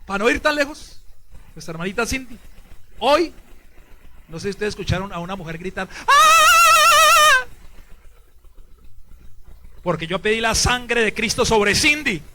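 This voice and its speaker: A man preaching a sermon as a priest, swinging from hushed to loud. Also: high voice. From Colombia. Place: church.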